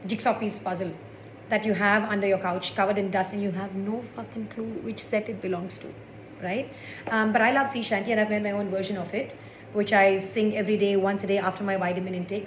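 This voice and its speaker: A woman in her forties from India doing a stand-up comedy set with wry, sarcastic asides. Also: medium pitch. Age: 40s. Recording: echoey room with faint background noise.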